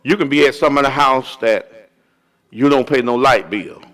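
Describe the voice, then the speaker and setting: A man's voice: mid-range voice, a bit bright, soft background music. A man preaching a sermon as pastor of a church, calling out and drawing out his words. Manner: preaching with rising calls and drawn-out words.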